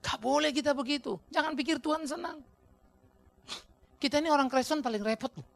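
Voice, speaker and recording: A middle-aged male pastor, preaching a sermon in an animated storytelling manner with slangy asides. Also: very high voice, a little fast, gravelly.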